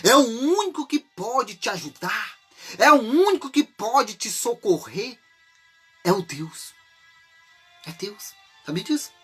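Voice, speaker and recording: His voice is extremely high-pitched, a bit bright, and husky, with big pitch swings, slow delivery, and long pauses, set against soft background music. This man from Brazil, speaking with a Brazilian Portuguese accent, gives an informal sermon in a chatty style, using many rhetorical and tag questions and sometimes acting out desperate cries for help.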